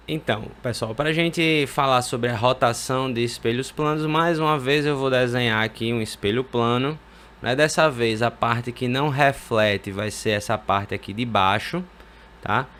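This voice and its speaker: A Brazilian man teaching physics in an easygoing classroom manner, his voice sitting at an ordinary middle pitch. He talks through each step as he draws, often tossing in quick questions to keep his viewers with him. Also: a bit bright. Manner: conversational, checks in often with rhetorical questions and tag words. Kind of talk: casual explanatory lesson at a whiteboard.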